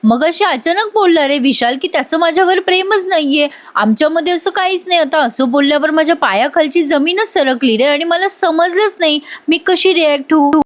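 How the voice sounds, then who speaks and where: A woman's voice: sits high, fairly quick, hardly any pauses, voice pushed up, close to an everyday voice. A woman voicing an emotional young woman apologizing to her father. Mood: apologetic. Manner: pleading, apologetic.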